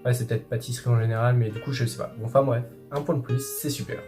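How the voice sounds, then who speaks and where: A man's voice: medium pitch, fairly even intonation, fast, over music. A man giving casual, chatty commentary while guessing a quiz, with many fillers and playful self-praise. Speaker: YouTuber playing a manga quiz.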